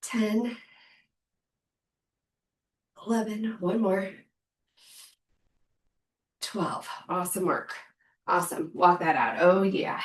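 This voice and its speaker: A woman's voice: medium pitch, slow, long pauses. A woman in her thirties leading a live home workout, counting reps and cheering the viewer on. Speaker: fitness instructor. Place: room at home. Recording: echoey room from far off.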